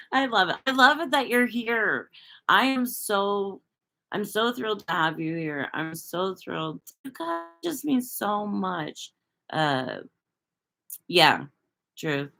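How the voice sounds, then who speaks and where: A woman's voice: mid-range voice, expressive, slow, vocal fry, pauses often, pushed and bright. A woman hosting a casual livestream, talking loosely to viewers, rambling and swearing freely. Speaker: livestream host reading viewer chat.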